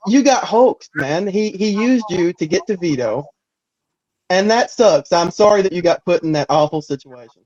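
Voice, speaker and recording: A man's voice: sits high, expressive, moderate pace, a little mellow. A man co-hosting a casual podcast, eager and earnest in tone. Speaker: podcast co-host. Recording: dull lo-fi sound.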